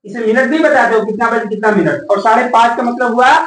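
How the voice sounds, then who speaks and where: A man teaching a class, constantly asking questions back and spelling words out slowly. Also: very high-pitched, a bit bright, slight background noise. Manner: asks the class rhetorical questions and repeats answers; spells words letter by letter slowly, calls out key words. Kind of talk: classroom lesson. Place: classroom with students. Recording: echoey room, voice from far off the mic.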